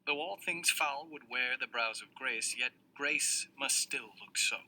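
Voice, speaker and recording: An actor playing a guarded young male prince, delivering classical verse in a measured, solemn way. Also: medium pitch, sharp tone, full character voice. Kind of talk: classical stage verse reading. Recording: noisy old audio recording.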